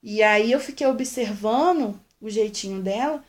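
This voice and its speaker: A woman's voice: medium pitch, a little slow. A young woman with a Brazilian accent talks straight to mothers, earnest and repetitive as she pleads with them. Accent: Brazilian Portuguese. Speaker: vlogger. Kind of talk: heartfelt direct-to-camera talk.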